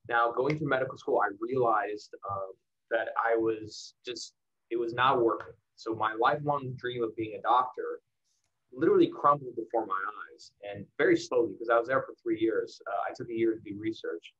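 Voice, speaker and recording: A mid-pitched American man from El Paso, Texas, speaks as a guest on an evening online livestream from indoors, giving a casual motivational talk to students and young professionals. He is candid and conversational, pausing for emphasis, with fairly even intonation and a slightly bright voice. The audio is a little dull and lo-fi.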